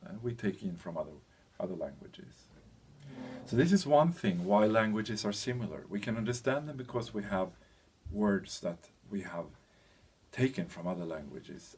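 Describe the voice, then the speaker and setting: A European man teaches through an informal, explanatory lecture, speaking in halting phrases broken by pauses. His voice is deep, husky, and a little mellow.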